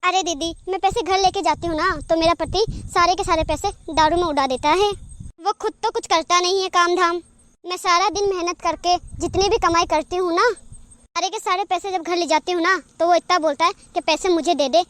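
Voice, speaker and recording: A gossipy cartoon housemaid with a very high voice, put on by a woman, who chatters through her complaints. She sounds put-upon but friendly. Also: fairly even intonation, fairly quick, fairly bright tone. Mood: chatty. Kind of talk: cartoon voice acting.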